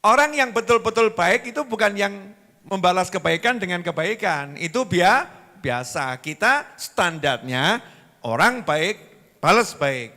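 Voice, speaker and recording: Man, Javanese accent, sermon, lively storytelling preacher, bright tense voice, long hall reverb. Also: high voice, unhurried. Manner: animated storytelling, acting out dialogue in shifting voices.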